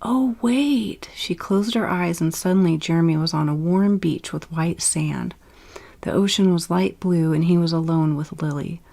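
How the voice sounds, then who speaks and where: A woman's voice: deep voice, steady tone, moderate pace, gravelly, dark tone. A woman reading her science-fiction story aloud in a casual way, laughing at it at times. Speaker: narrator.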